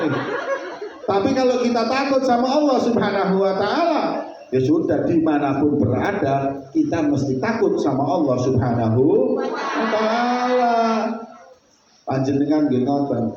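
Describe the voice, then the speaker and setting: A man preaching a sermon, telling stories and acting out quoted voices with animated delivery. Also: medium pitch, a little hiss or hum. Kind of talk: sermon storytelling. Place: large gathering hall. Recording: echoey hall, distant mic, dull sound.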